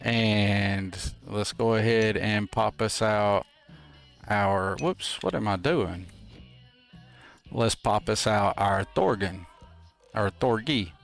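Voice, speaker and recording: A man hosts a gameplay livestream with casual, folksy commentary that's playful and rambling. His voice is fairly low and creaky, his pace slow, with soft music playing in the background.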